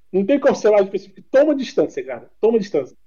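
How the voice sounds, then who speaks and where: High-voiced Brazilian man on a dull line. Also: fast talker. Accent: Brazilian Portuguese. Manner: blunt, swearing, animated storyteller. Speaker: podcast guest. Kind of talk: casual chat.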